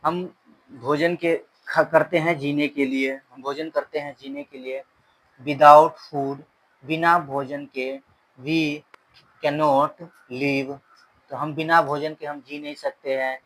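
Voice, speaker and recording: A man teaching an English lesson in Hindi. He reads English words slowly, translates them, and repeats the grammar rules. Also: fairly high pitch, level tone, a bit bright, poor audio. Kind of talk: slow bilingual grammar lesson.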